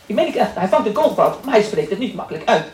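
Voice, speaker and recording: Male lecturer, quick and joking, acts out his anecdotes; distant mic, echoey room. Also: high voice, very animated, darkish tone, a little hiss or hum. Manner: quick-talking, joking, acts out people in stories. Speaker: Islamic lecturer. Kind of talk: lively classroom lecture with anecdotes.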